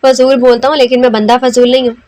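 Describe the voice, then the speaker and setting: A woman's voice: on the high side, little pitch movement, fast talker, a little mellow, no room sound, natural voice. A woman voicing a frank, kind young man, heartbroken himself, who consoles a girl earnestly. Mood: consoling.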